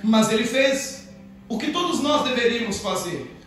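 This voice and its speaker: A man preaching an evangelical sermon with fervor, often shouting. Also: very high-pitched, lively intonation, normal speed. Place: church hall. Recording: echoey hall, far from the mic, with soft music.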